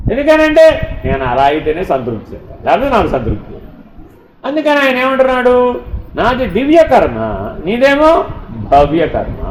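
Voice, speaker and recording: A man teaching in a spiritual discourse, asking rhetorical questions and swinging between loud emphasis and hushed lines. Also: sits high. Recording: echoey room with faint ambient noise.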